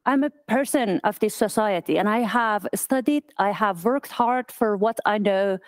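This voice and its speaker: Iranian-born woman in her 30s giving a talk, smooth clear voice, lots of uhs and restarts, dry sound. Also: medium pitch, no room sound. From Iran. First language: Persian. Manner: halting, many fillers and restarts. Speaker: accessibility specialist speaker. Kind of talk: conference talk. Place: office event space.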